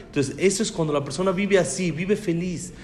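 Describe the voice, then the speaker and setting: A man's voice: high voice, a little fast, darkish tone, slight background noise. Man teaching a religious class. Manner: conversational, questions students directly.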